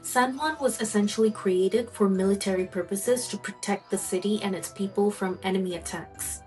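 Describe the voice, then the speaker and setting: Female storyteller, middle pitch, suspenseful fireside telling, soft music underneath. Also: rough recording. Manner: slow, suspenseful storytelling with drawn-out pauses. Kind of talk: spooky folk tale narration.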